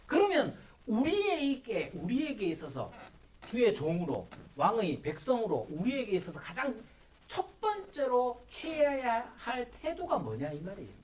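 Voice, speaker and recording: A man teaches a Bible study class as a pastor, his voice swooping widely up and down as he keeps asking the room rhetorical questions. He slips into playful acted-out prayers to make his points, speaking from a church classroom. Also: very high voice. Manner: acts out playful mock prayers and quotes.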